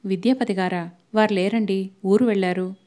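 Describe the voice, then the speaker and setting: A woman voicing a rough, hoarse male office clerk who answers the phone bluntly in a storybook reading. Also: medium pitch, fairly even intonation, normal speed, mellow, close to an everyday voice.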